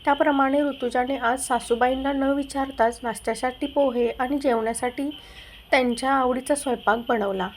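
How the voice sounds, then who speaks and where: A woman narrating a family drama story as a storyteller, in a steady dramatic way. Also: high-pitched, slight background noise.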